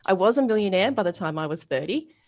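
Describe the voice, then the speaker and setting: Speaking fast at a medium pitch, a woman in her forties answers an interview as a retail strategist. She tells her stories bluntly and casually, with lively, animated delivery, acting out the people she quotes.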